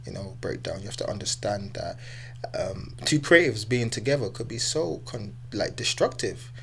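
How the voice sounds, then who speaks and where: A man's voice: fairly low pitch, expressive, normal speed, vocal fry, a bit bright, a little hiss or hum. A man with an urban London street accent, answering casually as a podcast guest, emphatic and often checking he is understood. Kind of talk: casual conversational interview answers.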